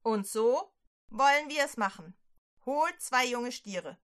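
A woman's voice: fairly high pitch, expressive, slow, fairly bright tone. A woman doing a stern commanding prophet. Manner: firm, scolding and commanding.

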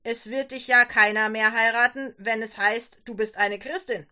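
A woman voicing a stern middle-aged merchant father who gets angry and scolds loudly. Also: mid-range voice, animated, unhurried. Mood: angry shouting. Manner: loud, scolding, dismissive.

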